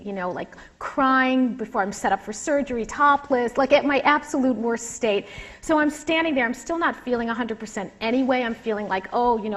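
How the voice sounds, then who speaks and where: A woman's voice: fairly high pitch, a bit bright. A middle-aged woman author reading from her memoir to a live audience and chatting between passages in a wry, candid way. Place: lecture room with a live audience.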